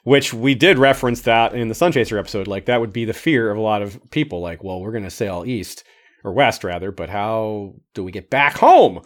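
A man's voice: lowish voice, brisk. Man reading listener comments aloud. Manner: reads comments aloud, adds own remarks with laughs. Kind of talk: casual livestream chat. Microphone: streaming microphone.

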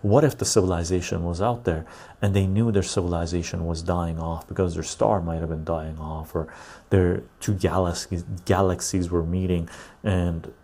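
A man's voice: low-pitched, flat delivery, moderate pace, dark tone. A man hosting a live stream, reading viewer comments aloud and riffing on them in casual chat, often tagging "right?".

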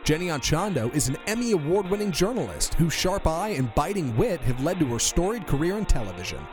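A man's voice: a little high, sing-song, fairly quick. A man narrating a scripted podcast introduction as an announcer. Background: guitar music.

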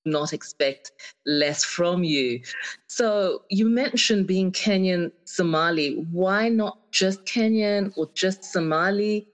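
A woman's voice: on the low side, slow, low-quality recording. Enthusiastic Zambian-born woman host. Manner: enthusiastic, encouraging interviewer. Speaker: podcast host. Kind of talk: casual interview talk.

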